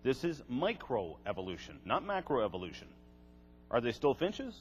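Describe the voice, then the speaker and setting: A man's voice: mid-range voice, wildly swooping pitch, moderate pace, muffled recording. Wry older man lecturing in an echoey hall. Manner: wry, sarcastic asides. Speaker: creationist seminar speaker. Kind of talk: lecture to a live audience. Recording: echoey hall, faint music.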